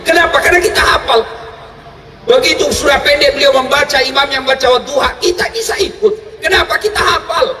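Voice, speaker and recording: A man preaching a humorous sermon to a crowd, telling stories with shouted punchlines and frequent laughter. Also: high voice. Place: large hall with an audience. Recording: echoey hall, voice from far off, crowd noise.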